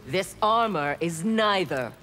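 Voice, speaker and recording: An actress with a lowish voice and lively intonation speaks slowly as a stern, armored female clan warrior in fighting-game intro banter. Her tone is cold, clipped and menacing, and the game audio carries music and crowd noise.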